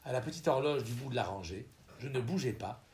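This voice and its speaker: A man narrating a novel as an audiobook reader, telling the story in an expressive, ironic manner. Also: mid-range voice, brisk, slight background noise.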